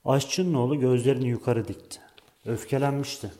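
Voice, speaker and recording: Mellow man reading a story. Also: mid-range voice, moderate pace. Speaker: narrator. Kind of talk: storybook narration.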